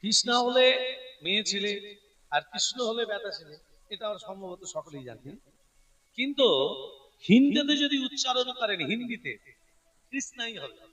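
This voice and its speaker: High, bright-voiced male preacher. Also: expressive, normal speed, pauses often, far from the mic, low-quality recording. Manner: explanatory, spells words out and repeats them for the listeners. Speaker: kirtan preacher. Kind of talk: devotional sermon to devotees.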